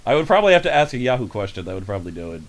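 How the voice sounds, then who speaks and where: A man hosting a casual podcast over a voice call, telling rambling, animated stories. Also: lowish voice, racing. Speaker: podcast host. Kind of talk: casual chat. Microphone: home microphone over a voice call.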